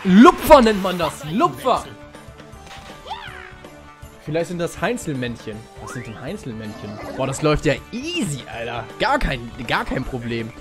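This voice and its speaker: A young man chats to his stream audience while he plays, joking and yelling out at the big moments. His voice sits high and swings widely in pitch. Upbeat game music plays clearly in the background. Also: unhurried. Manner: excitable, jokey, with sudden shouts. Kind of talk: casual let's-play commentary to chat.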